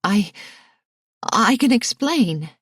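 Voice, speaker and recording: A woman's voice: sits low, level tone, moderate pace, darkish tone, no room sound, studio quality. A woman voicing a flustered, anxious mother who cries out and stammers.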